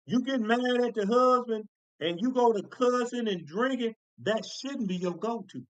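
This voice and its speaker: A man delivers a sermon in a high, ringing voice. He talks in a folksy, emphatic way, repeating phrases and stretching out key words for weight. The sound is dry and close. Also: normal speed, no echo, muffled recording. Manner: folksy, emphatic preaching with repetitions. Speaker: preacher.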